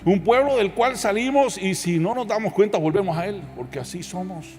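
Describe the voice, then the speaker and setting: A male pastor from Colombia preaching with fervent intensity, his somewhat high voice climbing into shouted peaks. The sermon rings through a large church hall with a long reverb. Soft music plays beneath him. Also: expressive, a little fast. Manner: impassioned, builds to shouted crescendos.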